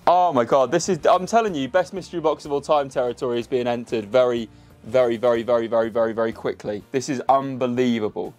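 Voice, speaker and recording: An excitable man hosting a football shirt unboxing, often repeating himself as he reacts. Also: mid-range voice, quick pace, soft background music. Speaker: football shirt channel host.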